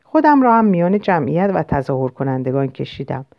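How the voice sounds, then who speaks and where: A woman reading a novel aloud in the first person, in a measured, literary way. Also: low voice, big pitch swings, no echo. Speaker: audiobook narrator. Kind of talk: first-person audiobook narration. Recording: dull lo-fi dry recording.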